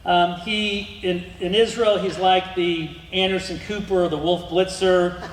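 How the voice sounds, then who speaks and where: A middle-aged American man gives a rambling guest lecture with slides in a museum lecture room, talking about his family with lots of ums and restarts. His voice is high and flat, a little slow. The hall is echoey with long reverb, and there's a little hiss or hum.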